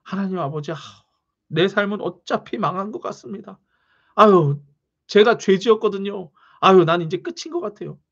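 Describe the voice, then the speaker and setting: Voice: mid-range voice, expressive, normal speed, breathy edge, highs cut off. A preacher mimicking a sighing, defeated believer. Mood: despairing. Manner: sighing, whining. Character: despairing believer complaining to God.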